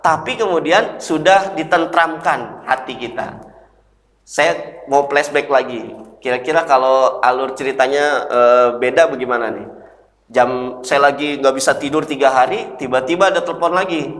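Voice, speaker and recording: A male preacher giving a sermon, telling a story lively and acting out phone calls. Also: mid-range voice, normal speed. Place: prayer hall. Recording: echoey reverberant prayer hall.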